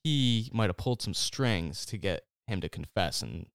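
A man with a lowish, smooth and resonant voice chatting casually with friends. He walks through a story in a loose, rambling way, full of "like" and restarts. The sound is close and dry. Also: expressive, normal speed, no echo. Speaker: podcast host recapping a TV series. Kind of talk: casual chat.

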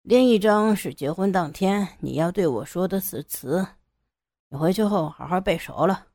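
Woman doing a cocky young man, deep-ish and mocking, for a storybook reading. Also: expressive, moderate pace, a little mellow, no echo, studio quality. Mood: gloating. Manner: low, gloating, mocking. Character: smug, domineering young man lording over his teacher.

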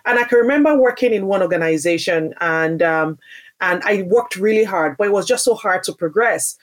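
A Nigerian woman, a parent and business founder appearing as a podcast guest, tells the story of her career in an interview, earnest and emphatic, often restarting her phrases. Her mid-range voice has lively intonation and runs a little fast.

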